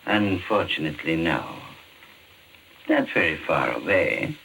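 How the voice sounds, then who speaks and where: An actor playing a courteous, sinister pawnshop owner who speaks formally and deliberately in old-time radio horror style. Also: male voice, a bass voice, expressive, gravelly, sharp tone, heavily acted. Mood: suave, courteous. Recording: hissy, noisy old-time radio recording.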